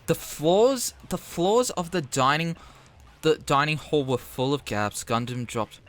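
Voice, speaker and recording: A man's voice: a little high, lively intonation, unhurried, a bit bright. A man streaming a game, thinking aloud casually through clues.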